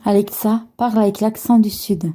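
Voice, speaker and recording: A woman hosting a video, giving a smart speaker brief, deliberate spoken commands. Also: medium pitch, level tone, dark tone.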